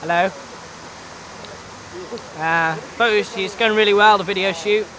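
A somewhat tired pop band member talks on his lunch break in a fairly high voice. He hesitates often. Loud outdoor noise fills the background. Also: a little slow. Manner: relaxed, hesitant with "uh" and "um". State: a bit tired. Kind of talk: casual behind-the-scenes chat. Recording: noisy outdoor ambience.

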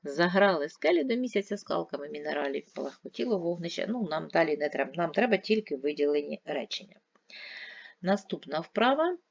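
A woman's voice: on the low side, gravelly, dry recording, dull audio. A woman teacher giving a video grammar lesson, patiently asking and answering her own questions step by step. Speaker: primary school teacher.

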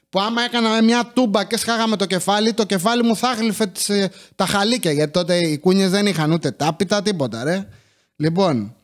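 Crude, animated male storyteller with a high voice. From Athens, Greece. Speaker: comedian. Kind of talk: comic storytelling monologue.

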